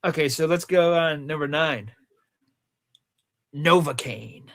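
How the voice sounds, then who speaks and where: Co-hosting a movie countdown show, a Rhode Island man chats about films in a casual, joking, teasing way. His voice is a little high and a bit bright, and he takes his time.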